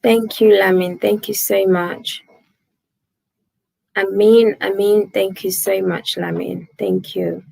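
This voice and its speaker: A woman's voice: mid-range voice, steady tone, takes it slowly, vocal fry, a little mellow, dry recording, poor audio. A woman in her twenties, hosting a casual livestream, chatting with viewers, laughing often and thanking them by name. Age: 20s. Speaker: livestream host. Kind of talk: casual live chat reading viewer comments.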